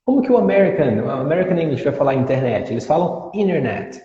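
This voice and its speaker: A man's voice: a little high, very animated, quick pace, dark tone. A man, an English teacher in an interview, patiently explaining and modelling pronunciations. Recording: dull audio in an echoey room with long reverb.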